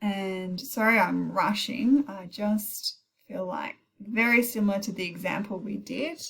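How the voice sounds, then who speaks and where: A woman teacher's gravelly, slightly bright, medium-pitched voice moves a little slowly, with fairly even intonation, through an informal recorded maths tutorial. Talking through calculator steps, she thinks aloud, correcting herself and apologizing briefly. Heavy rain pours outside as she records.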